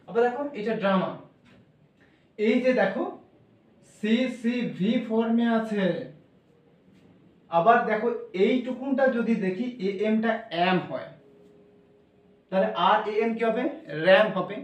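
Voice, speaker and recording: A man with a high voice explains English pronunciation, slowly sounding out each letter and repeating himself patiently. He is heard from a distance in a roomy, echoing space. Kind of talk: classroom explanation. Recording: echoey room from far off.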